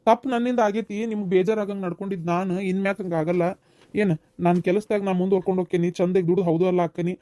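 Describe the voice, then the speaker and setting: A man's voice: high-pitched, steady tone, fast talker, mellow, no echo, natural voice. Remorseful younger brother done by a man, North Karnataka Kannada accent, earnest, pleading, dry studio sound.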